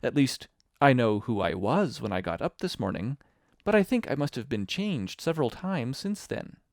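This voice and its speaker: A man's voice: medium pitch, very animated, moderate pace, dry recording, studio quality, pitched above the performer's own voice. A man voicing a polite, puzzled young girl who speaks shyly and earnestly in an audiobook reading. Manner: shy, earnest, a little flustered.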